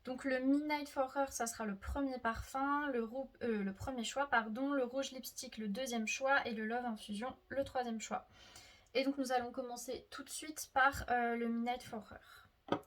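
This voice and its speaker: A woman giving a casual tarot reading, thinking aloud with many fillers and soft murmurs to herself as she draws cards. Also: a little high, steady tone, normal speed. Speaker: tarot reader.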